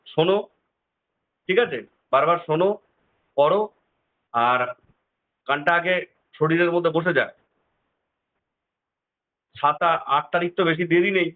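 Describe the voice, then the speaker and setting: A man teaching singing on a video call, singing phrases slowly and explaining in quick low asides. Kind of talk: online music lesson, talking and singing phrases. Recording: tinny phone-like line with faint guitar.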